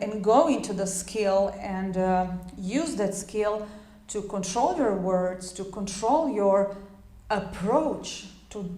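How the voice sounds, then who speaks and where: A female English teacher, Croatian by first language, runs a casual spoken lesson, chatting freely, backtracking to restart sentences, and leaning on filler words. Her voice is middle-pitched and a little mellow, set in a room with noticeable echo.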